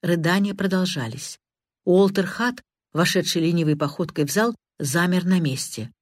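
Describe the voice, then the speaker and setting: A woman narrating an audiobook in an even, measured reading. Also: lowish voice, no room sound, clean studio sound. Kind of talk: scripted narration.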